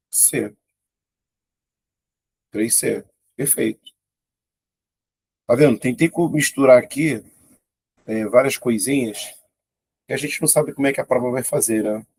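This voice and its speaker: A man teaching an exam-prep grammar lesson. His voice is husky with a gravelly edge, and his speech is casual and exclaiming as he works through each item. The recording is close and dry. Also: medium pitch, darkish tone, dry recording. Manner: informal, thinks aloud, exclaims at tricky items. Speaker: Portuguese teacher.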